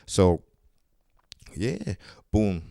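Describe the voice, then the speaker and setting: A man with a low voice tells a rambling story. He is casual and profane, and he acts out the people in it. His voice is smooth and clear, recorded dry and close to the mic. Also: very animated, extremely slow, warm tone, no echo. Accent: New York. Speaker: podcast host and comedian. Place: studio.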